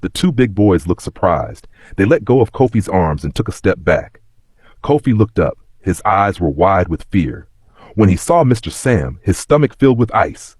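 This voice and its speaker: A man narrating a scripted story in a measured, expressive way. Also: deep voice, breathy edge, dry recording, clean studio sound.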